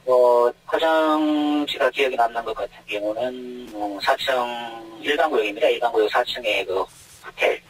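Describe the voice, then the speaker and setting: An anonymous airport security guard, a man whose voice is disguised with deep pitch shifting, explaining things step by step and often starting with hesitant fillers. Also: normal speed, poor audio. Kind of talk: anonymous news interview answers. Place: connected to the studio from elsewhere.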